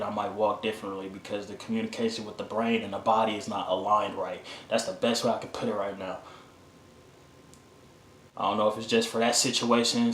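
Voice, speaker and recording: A man's voice: fairly low pitch, slight background noise. A man telling a personal story to his own camera, emotional and candid, repeating himself and using casual slang. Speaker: vlogger. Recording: roomy echo.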